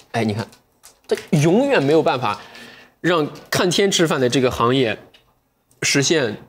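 A young man with a medium-pitched voice hosts a livestream from an indoor studio, selling goods, discussing a book and chatting with viewers. He's lively and addresses them directly, with slight background noise.

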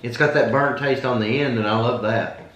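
A man's voice: medium pitch, fairly even intonation, moderate pace, fairly bright tone. An American man in his thirties chatting casually as he reviews snacks, talking between bites of crunchy food. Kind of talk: casual taste-test chat. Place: small indoor room at a table. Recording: roomy echo, clear background noise.

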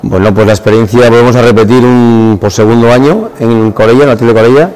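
A man's voice: mid-range voice, fast, darkish tone, rough recording. A man in his forties, a shop owner, talking readily in an interview at his stand and tripping over words now and then. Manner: talkative, stumbles on words. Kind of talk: on-camera interview. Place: exhibitor stand in a hotel hall.

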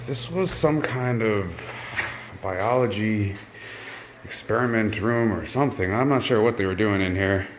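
A man casually narrating a handheld walkthrough of a campus building and its rooftop greenhouse, talking in a relaxed, offhand way as he walks. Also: fairly low pitch, measured pace, background noise. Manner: relaxed, offhand commentary while walking. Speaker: vlogger giving a walkthrough. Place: campus grounds outdoors and building interior with greenhouse. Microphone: handheld camera.

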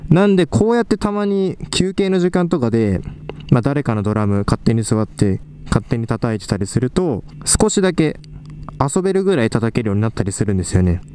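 In a small rehearsal studio, a young male vlogger plays his instruments and casually explains them, with live drums and guitar behind him. His voice is medium-pitched, animated and brisk, with a dark, smooth tone, picked up by a small clip mic on a head-mounted camera.

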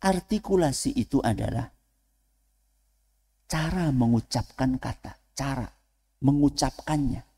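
A man preaching to students in a lively way, asking the audience questions and then answering them himself. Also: medium pitch, unhurried, pauses often, slightly rough. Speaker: Islamic preacher. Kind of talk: lecture to students. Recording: long hall reverb.

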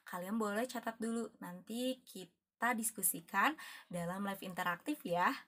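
A woman's voice: mid-range voice, pushed and bright. A woman from Indonesia teaching a recorded English lesson to students, cheerful and chatty, mixing in English example phrases.

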